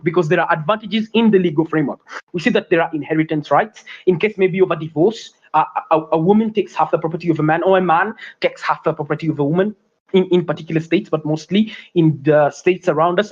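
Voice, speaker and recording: A teenage student debater from Uganda delivering a competitive debate speech, often stumbling, repeating words and correcting himself. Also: male voice, a little high, dull audio. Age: teens.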